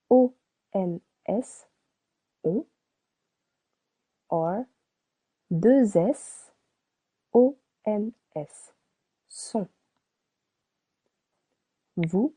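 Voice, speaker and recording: A woman teaching a slow pronunciation lesson, spelling out letters and repeating each word. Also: medium pitch, breathy edge. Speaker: French teacher. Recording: tinny phone-like sound.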